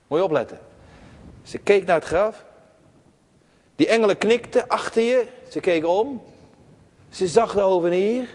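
High-voiced male preacher in echoing church. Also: normal speed, pauses often. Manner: expressive, with many rhetorical questions. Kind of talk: sermon.

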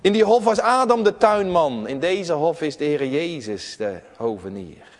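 A man preaching a sermon in a church, expressive and full of rhetorical questions. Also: fairly high pitch, a little slow, big-room sound.

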